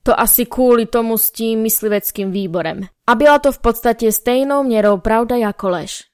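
A woman reading a novel aloud as first-person narrator, in a measured, wry storytelling manner, close to the mic. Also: on the high side, smooth, no echo. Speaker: audiobook narrator.

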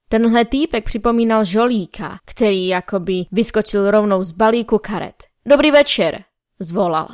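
A woman reading a novel aloud as first-person narrator, in a measured, wry storytelling manner, close to the mic. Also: medium pitch, clean tone, dry recording. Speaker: audiobook narrator.

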